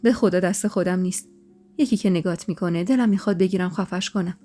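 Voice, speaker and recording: Speaking in a natural, lowish, dark-toned voice, a woman takes on the role of a jealous young husband who jokes and teases. It's a storytelling podcast, with faint music playing underneath.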